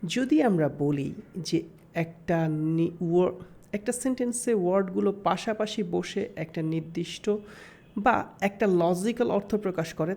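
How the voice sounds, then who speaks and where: A woman giving a recorded English grammar lesson, explaining step by step and slowing down to sound out example words. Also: mid-range voice, a little mellow.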